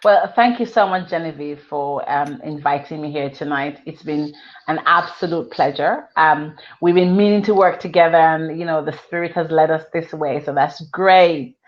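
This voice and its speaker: A woman's voice: sits low, normal speed, lo-fi sound. A woman from Jamaica in her thirties, a guest in an interview, telling her life story earnestly and with emphasis, often repeating phrases for effect. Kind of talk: personal testimony in an interview.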